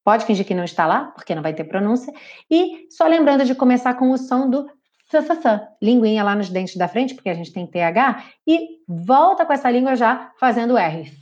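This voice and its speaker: A woman's voice: a little high, lively intonation, fairly quick, darkish tone, highs cut off. A woman with a Brazilian Portuguese accent teaching English pronunciation in a live online lesson, patiently repeating and modeling sounds.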